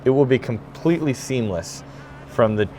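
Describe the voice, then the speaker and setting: In a theater dressing room, a young Chicago man, a stage actor with a Midwestern accent, gives a laid-back, chatty backstage interview peppered with fillers. His mid-range voice is expressive and warm at a moderate pace, and there's a little hiss or hum.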